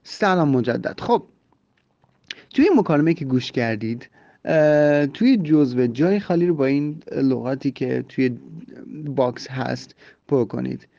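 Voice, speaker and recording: A man hosting a podcast English lesson, explaining and repeating phrases slowly so listeners can drill them. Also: medium pitch, lively intonation, gravelly, mellow, no room sound. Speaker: English teacher and podcast host. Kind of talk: language lesson. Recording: slightly dull lo-fi recording.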